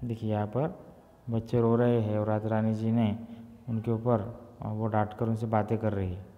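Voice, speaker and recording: A man's voice: on the low side, little pitch movement, moderate pace, dull audio. A man teaching a Hindi class, reading a story aloud and explaining it, repeating lines and asking the class questions, recorded in an echoey room with long reverb.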